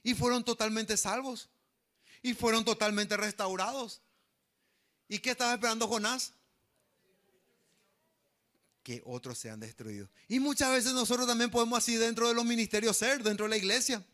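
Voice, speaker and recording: A man delivers a lively sermon. His voice sits high and sounds bright and forward. He keeps asking the congregation questions and acts out quoted voices. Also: a little fast. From Paraguay. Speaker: pastor.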